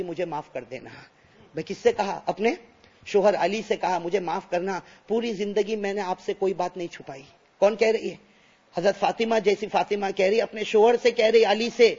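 A man's voice: slightly rough, highs cut off. A man preaching an Urdu sermon, telling a religious story with strong emotion, repeating lines and calling to his listeners as friends and brothers. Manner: rising to loud impassioned, near-shouted pitch.

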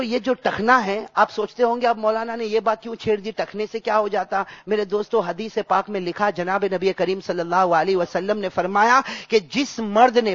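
A man preaching an impassioned sermon to his congregation, building from quiet appeals into shouted climaxes and repeating calls to his listeners. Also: high-pitched. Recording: dull lo-fi recording.

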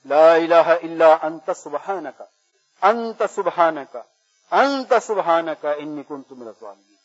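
A man leading a slow, drawn-out prayer at a gathering. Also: a little high, lively intonation, soft background music. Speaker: prayer leader. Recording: muffled and distant from mic.

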